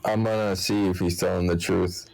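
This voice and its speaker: A man's voice: low voice, level tone, normal speed, gravelly, background noise. A man chatting casually as a player in a tabletop game.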